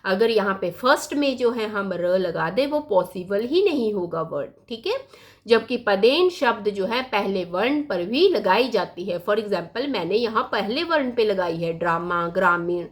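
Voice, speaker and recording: Slow, patient woman teaching grammar. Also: medium pitch, expressive. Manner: patient, spells out sounds one by one. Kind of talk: slow blackboard lesson.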